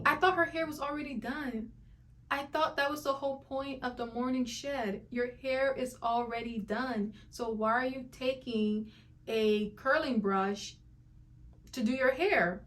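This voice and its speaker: A woman hosting skincare reaction commentary, emphatic and incredulous, often breaking into laughter. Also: a little high.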